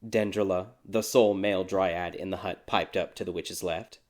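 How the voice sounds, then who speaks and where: A man narrating a dark fairy tale in a measured, even storytelling manner. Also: deep voice.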